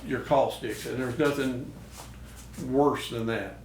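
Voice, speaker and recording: A man's voice: mid-range voice, slow. A man hosting a show, giving casual, instructional talk. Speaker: host of a duck call show. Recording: echoey noisy room, distant mic.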